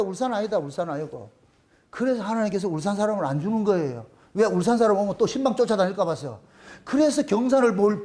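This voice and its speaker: A middle-aged man, preaching a sermon as pastor, telling stories animatedly and dropping low to voice God's replies. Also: a little mellow.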